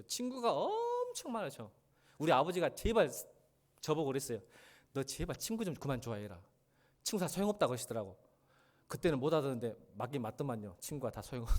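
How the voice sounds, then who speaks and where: A male pastor preaching a sermon in a church, pleading loudly at times and dropping to soft, confiding asides. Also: on the high side. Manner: emotional preaching, swinging between loud pleas and soft confiding asides. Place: church sanctuary.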